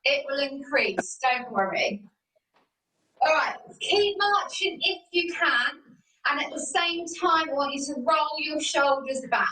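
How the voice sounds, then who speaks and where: A young woman with a high, bright voice leads a workout from home over a video call, taking her time as she calls out each move and encourages her class. Her laptop mic sits some way off, so her voice comes through roomy and distant. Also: animated, unhurried. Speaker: fitness instructor. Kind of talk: leading a live exercise class. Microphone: video call from a laptop or phone camera.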